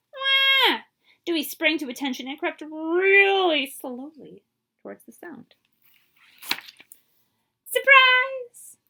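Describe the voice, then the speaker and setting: With a very high voice, a woman working as a librarian performs a children's picture book, leaning on emphatic expression and pausing for dramatic effect.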